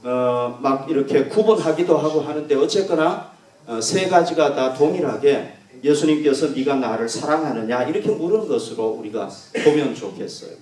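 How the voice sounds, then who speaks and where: A man preaching a sermon as pastor, earnest and emphatic, swinging from loud stresses to soft, quiet endings. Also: on the high side, lively intonation, normal speed. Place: church sanctuary. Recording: echoey church room from a distance.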